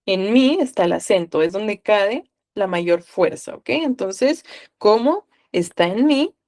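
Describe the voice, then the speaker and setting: A woman's voice: medium pitch, expressive, slow pace, darkish tone. A woman from Guatemala with a Guatemalan accent, tutoring a live online class and coaxing students with questions.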